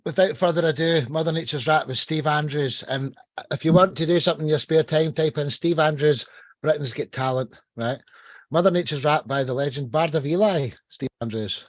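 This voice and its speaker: A man hosting a podcast, praising guests effusively and trailing off softly. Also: a little high, a little fast, dry recording. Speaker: podcast host.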